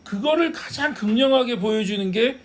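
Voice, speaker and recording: A man's voice: very high-pitched, expressive, moderate pace. A male pastor preaching a Sunday sermon, asking the congregation rhetorical questions and laughing now and then.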